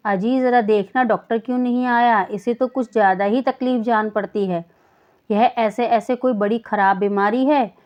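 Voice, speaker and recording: A woman reading the part of an anxious mother soothing her sick son in a soft, coaxing way. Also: a little high, natural voice. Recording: dull lo-fi recording.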